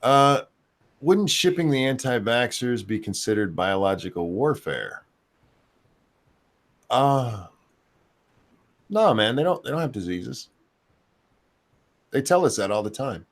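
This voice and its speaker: A man's voice: medium pitch, expressive, takes it slowly, pauses often. A man hosting a live stream in casual chat, reading out viewer comments with blunt, sardonic swearing.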